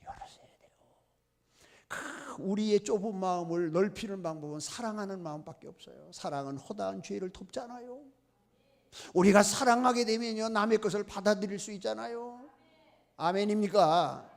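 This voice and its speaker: A man's voice: high voice, normal speed, creaky. A man from Chungcheong preaching a revival sermon as guest pastor, emphatic and exhorting with folksy humor. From Chungcheong, South Korea.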